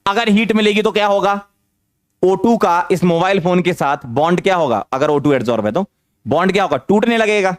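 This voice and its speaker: A man teaching chemistry in an online lecture, energetic, firing questions at students and repeating phrases to drive points home. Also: high-pitched, a little fast, no room sound, studio quality. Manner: mixes English terms into speech.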